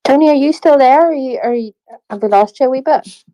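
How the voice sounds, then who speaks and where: A woman's voice: high voice, a little fast, mellow, dry recording, muffled recording. A woman hosts a casual online chat. She is chatty and laughs easily, and her voice sounds dry and close, with no room sound around it. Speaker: host.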